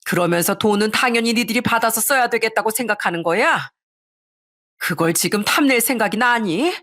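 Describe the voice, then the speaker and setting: A woman's voice: a little high, a bit bright, pitched above the performer's own voice. Woman narrator doing an older mother, furious, scolding, raised voice, storybook reading.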